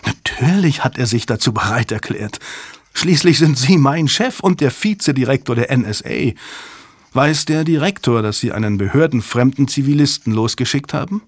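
An indignant young woman snaps out short, accusing questions, as a man raises his voice to play her. The voice sits well above the reader's own, with a husky grain and a dry, close sound. It is audiobook character work. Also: medium pitch, lively intonation, moderate pace, dry recording, voice pushed up, close to an everyday voice. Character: angry young woman, sharp cryptographer.

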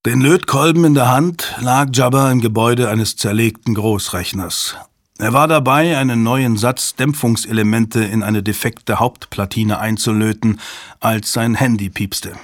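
A man narrates a thriller in a measured, suspenseful way. His voice is husky and mid-pitched, recorded close with a dry sound. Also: no room sound. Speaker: audiobook narrator. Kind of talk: scripted narration.

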